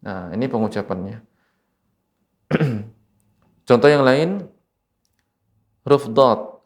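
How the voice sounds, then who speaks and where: A man from Indonesia teaching Quran recitation rules on television, speaking slowly and patiently and repeating each example word. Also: mid-range voice, animated. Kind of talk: televised tajwid lesson. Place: TV studio.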